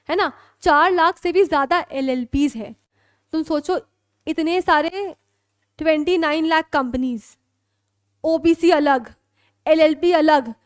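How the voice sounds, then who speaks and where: High-voiced Indian woman teaching law. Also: fairly bright tone, no room sound, studio quality. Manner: mixes Hindi and English, keeps checking students understand. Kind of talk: classroom lecture.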